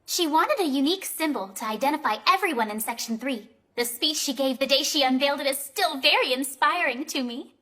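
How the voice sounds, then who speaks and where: A woman's voice: high-pitched, animated, fairly quick, sharp tone. An actress playing a cheerful, chatty female sergeant major who explains things with enthusiasm. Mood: bubbly. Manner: bubbly, explanatory storytelling. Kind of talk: anime dub acting.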